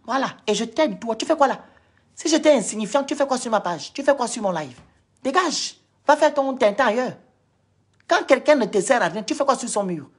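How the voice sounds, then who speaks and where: A woman's voice: on the high side, lively intonation, brisk. Scolding woman streaming live. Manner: scolding, repetitive, lecturing. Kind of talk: heated live-stream rant.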